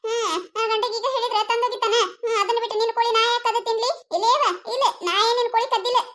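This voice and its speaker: A woman's voice: extremely high pitch, steady tone, very fast, fairly bright tone. A woman voicing a sly village neighbour in a cartoon comedy, teasing and protesting her innocence in a North Karnataka accent. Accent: North Karnataka Kannada.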